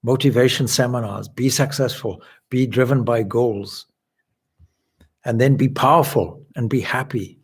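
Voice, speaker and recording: Gravelly, husky man giving a spiritual talk. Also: medium pitch. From Zimbabwe. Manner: measured, explanatory, with occasional restarts. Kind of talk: spiritual lecture.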